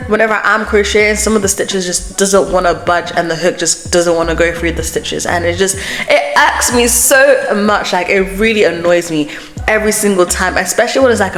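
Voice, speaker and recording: A woman hosting a casual, chatty solo podcast, venting emphatically and informally, with an echo effect on her microphone. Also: lowish voice. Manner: informal, emphatic venting about small annoyances. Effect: microphone echo setting, echoey reverb. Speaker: host of a crochet podcast vlog. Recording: echoey voice from microphone echo setting.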